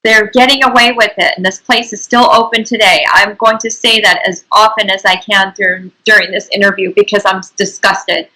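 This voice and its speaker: A woman's voice: mid-range voice, fairly even intonation, moderate pace, hardly any pauses, sharp tone, low-quality recording. A woman hosting an interview, speaking indignantly and emphatically, repeating her points. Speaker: interviewer, host.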